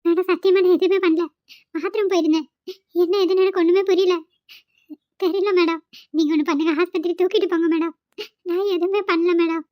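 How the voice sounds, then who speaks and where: A woman's voice: extremely high pitch, steady tone, a little fast, no echo. A woman voicing a fretful old nanny. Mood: defensive. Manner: pleading and fretful. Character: elderly female nanny, frightened and defensive. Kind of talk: cartoon voice acting. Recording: dull, dry home recording.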